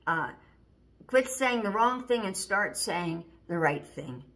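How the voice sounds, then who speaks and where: A woman's voice: medium pitch, expressive, slow pace, fairly bright tone. A woman giving an informal sermon, earnest and repeating key lines, reading scripture aloud. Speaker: Bible teacher.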